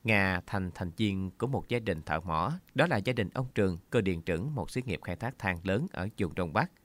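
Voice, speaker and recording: A man narrating a story in a measured, earnest reading style. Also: deep voice, animated, a bit bright.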